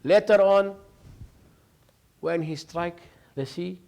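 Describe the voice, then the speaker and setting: Speaking slowly in a high-pitched, gravelly and somewhat mellow voice, this sheikh delivers an informal religious lesson. He keeps it conversational, with stories, jokes, laughter and acted-out dialogue.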